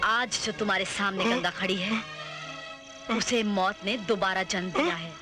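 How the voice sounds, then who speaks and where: Actress as cold menacing avenger, loud score behind. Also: female voice, mid-range voice, normal speed, over loud music, natural voice. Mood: vengeful. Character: vengeful young woman returned for revenge. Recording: film soundtrack with loud score.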